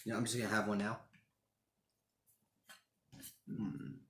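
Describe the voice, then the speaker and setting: A man's voice: on the high side, normal speed. A man hosting a home cooking video, chatting casually and thinking aloud as he works. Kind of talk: casual how-to narration. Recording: echoey room with faint noise.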